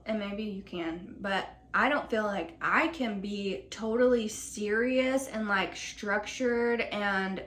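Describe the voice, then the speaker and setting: A woman's voice: medium pitch, takes it slowly, few pauses, a bit bright. A young woman co-hosting a podcast, chatting casually in a reflective, teasing way and saying "like" often. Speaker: podcast co-host. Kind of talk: casual chat. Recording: echoey room.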